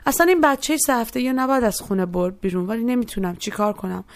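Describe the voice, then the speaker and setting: Weary pleading young mother, put on by a female storyteller, slightly high. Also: no echo, lightly acted. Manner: tired, pleading.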